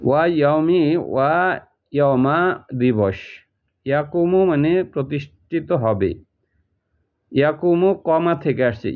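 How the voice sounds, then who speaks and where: Man teaching over tinny phone-like audio. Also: fairly high pitch. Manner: repetitive, step-by-step explaining. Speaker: Quran translation teacher. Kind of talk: recorded lesson explaining Arabic word by word.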